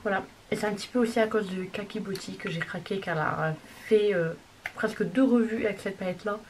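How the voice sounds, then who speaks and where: A woman showing off a makeup haul in a casual, gushing way, sometimes dropping to a soft whisper. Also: medium pitch, fast talker. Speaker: beauty vlogger. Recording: distant mic with clear background noise.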